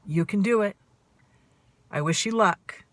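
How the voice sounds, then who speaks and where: A middle-aged woman talking straight to camera in a fast, emphatic way, asking herself questions and answering them. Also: mid-range voice, no echo. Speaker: author and mental health advocate. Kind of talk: self-recorded talk to camera.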